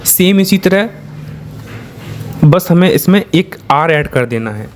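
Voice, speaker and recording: A man's voice: fairly high pitch, animated, slow pace, a little hiss or hum. Indian man teaching step by step. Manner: explains step by step, asks and answers his own questions. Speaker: shorthand teacher. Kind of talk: classroom-style lesson.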